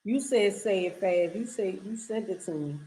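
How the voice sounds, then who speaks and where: A woman co-hosting a casual podcast, chatting loosely and laughing often. She keeps tripping over tongue twisters and starting them again. Her voice sits at an ordinary middle pitch. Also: normal speed, dark tone, rough recording. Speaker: podcast co-host.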